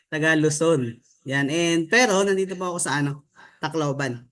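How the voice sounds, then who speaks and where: This young adult Filipino man has a somewhat high, slightly bright voice and a moderate pace. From a home room with a staircase at his back, he gives a casual motivational training on a video call, chattily reading out names and frequently checking in with "no?" and "di ba?".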